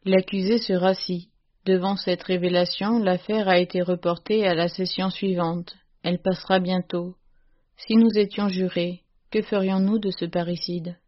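A woman reads a story aloud at a steady, measured pace. Her voice sits low and stays flat and even. The recording is dull and muffled. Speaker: reader.

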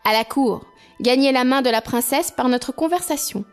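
A woman's voice: high-pitched, moderate pace, soft background music. A woman doing sneering elder brothers. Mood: mocking. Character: two mocking young noblemen, the elder brothers.

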